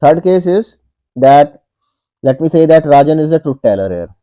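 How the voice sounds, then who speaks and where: Male tutor, 30s, slightly high voice, methodical step-by-step walkthrough, dull lo-fi webcam audio. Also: big pitch swings, normal speed, dark tone. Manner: methodical, repeats each step and says "okay" often. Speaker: online tutor. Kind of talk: whiteboard puzzle walkthrough.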